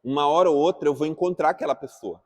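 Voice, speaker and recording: A man with a somewhat high voice and a quick pace teaches a church class as an interactive talk. He keeps it casual, asking the group questions and calling on people by name.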